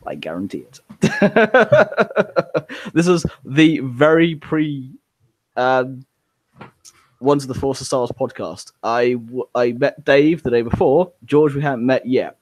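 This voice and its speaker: A man co-hosting a podcast in relaxed casual chat, agreeing and plugging the show. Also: medium pitch, dry recording. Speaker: podcast co-host.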